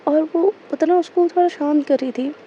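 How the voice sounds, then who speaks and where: A woman tells a story in a loose, rambling way, often correcting herself and leaning on fillers. Her voice is high and mellow. The recording is dull and lo-fi with a faint hiss. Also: moderate pace. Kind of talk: casual audio story narration.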